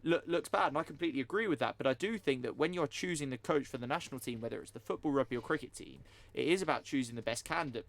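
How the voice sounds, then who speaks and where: A man's voice: medium pitch, gravelly. A male radio presenter running down sports news and giving his view in a studio discussion. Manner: fast, fluent news rundown with opinions.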